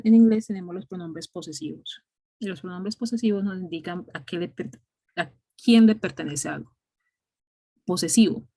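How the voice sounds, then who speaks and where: A woman's voice: medium pitch, a little mellow. A woman teaching an English grammar class, explaining patiently step by step and often checking in with "ok?".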